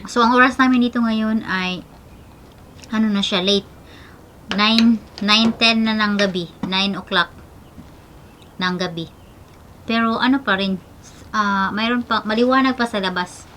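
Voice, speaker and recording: A woman's voice: mid-range voice, unhurried, long pauses, a bit bright, slight background noise. A woman from the Philippines chatting casually in her vlog, mixing in English and cooing at her dog now and then. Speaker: vlogger. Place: outdoors at home in the evening.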